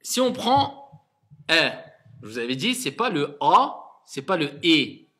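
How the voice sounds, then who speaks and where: A man's voice: sits high, sing-song, normal speed, fairly bright tone. A man teaching Arabic reading to a class as an imam, coaxing his students and repeating sounds for them to echo. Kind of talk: classroom lesson.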